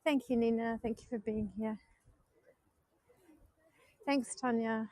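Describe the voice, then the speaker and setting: On a night walk through city streets, a New Zealand-accented woman speaks to her live-stream viewers in a casual, subdued and disappointed way. Her voice sits on the high side, dark in tone, steady and slow, with no room sound.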